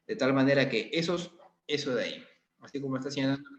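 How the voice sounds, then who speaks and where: A man's voice: mid-range voice, fast talker. A male anatomy lecturer explains slides step by step and keeps checking in with his students. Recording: echoey, dull lo-fi sound.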